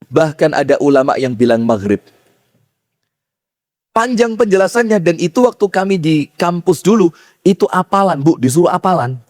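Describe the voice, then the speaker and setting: A man preaching a sermon, telling stories with lively rhetorical questions to his audience and chanting verses slowly. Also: on the high side. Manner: slow chanted Quran recitation. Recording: long hall reverb.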